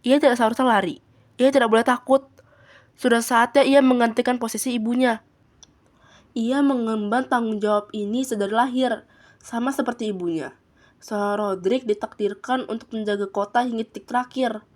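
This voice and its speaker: Teenage girl, student, storybook narration, steady reading, slightly high voice. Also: brisk. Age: teens. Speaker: student reader.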